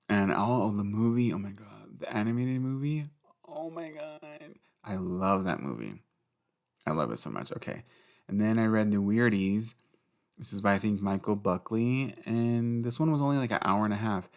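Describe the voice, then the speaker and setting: A young man hosting a casual solo podcast, rambling and giggly, swearing freely. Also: on the low side. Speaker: podcast host.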